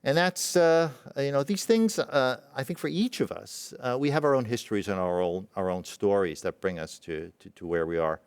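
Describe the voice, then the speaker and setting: A middle-aged man born in Israel tells a personal story in a talk, halting and reflective, with many fillers and restarts. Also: medium pitch, clean tone, dry recording, studio quality. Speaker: presenting physician.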